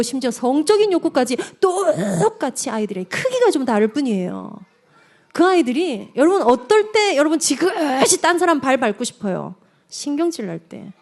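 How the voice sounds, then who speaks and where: A woman evangelist giving a lively seminar lecture to parents, talking straight to the audience and acting out little scenes. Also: sits high. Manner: animated, addresses the audience directly, acts out quotes.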